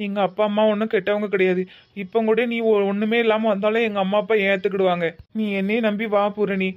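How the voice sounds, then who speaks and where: Cartoon: man playing a steady, sincere young son-in-law with a Tirunelveli accent, flat delivery, dull recording. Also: sits high, lightly acted. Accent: Tirunelveli Tamil. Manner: steady, earnest, reasoning. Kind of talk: cartoon comedy voice acting.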